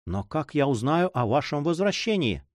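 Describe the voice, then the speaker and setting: A man's voice: a little high, sing-song, normal speed, dry recording, clean studio sound. A man reading aloud and voicing a young woman in love, anxious and devoted, in a pleading, fearful, tender manner.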